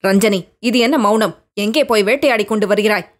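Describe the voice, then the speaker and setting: A woman's voice: medium pitch, brisk, voice pushed down, natural voice. A woman voicing an older male Buddhist monk who questions sternly.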